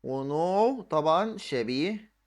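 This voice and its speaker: A man's voice: on the high side, lively intonation, unhurried. A man with an Egyptian accent teaching an exam review lesson, explaining step by step and answering his own questions while he writes on the screen. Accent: Egyptian Arabic. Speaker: Arabic teacher.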